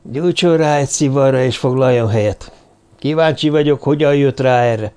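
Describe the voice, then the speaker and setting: A man voicing a sharp, coolly ironic male detective in an audiobook reading, with brisk, clipped commands and dry remarks. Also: medium pitch, clean tone, natural voice.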